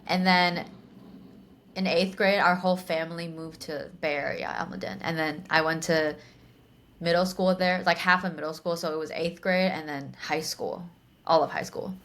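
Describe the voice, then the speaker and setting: A woman's voice: fairly low pitch, fairly even intonation, normal speed, fairly bright tone, slight background noise. A young woman in her twenties from Taiwan, answering interview questions in a chatty, casual way with many fillers. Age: 20s. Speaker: guest, DJ and producer.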